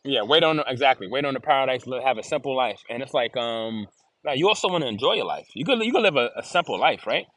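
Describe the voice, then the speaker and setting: A man's voice: mid-range voice, expressive, fast, a bit bright, no echo. A man talking as an interview guest in casual chat, earnest and given to repeating and restarting his phrases. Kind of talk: casual video-call chat.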